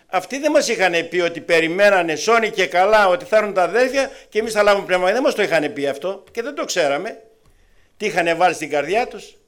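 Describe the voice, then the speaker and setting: Here a Greek preacher gives a testimony sermon, telling testimony stories. The storytelling is lively and animated, with big swings in pitch and loudness as he goes from loud to soft.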